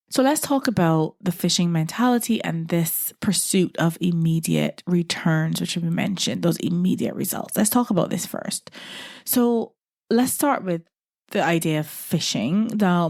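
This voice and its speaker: A woman's voice: lowish voice, darkish tone, no echo, clean studio sound. A woman from Barbados hosting a solo podcast, reflective, repeating her phrases and dropping to a whisper for emphasis. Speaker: podcast host.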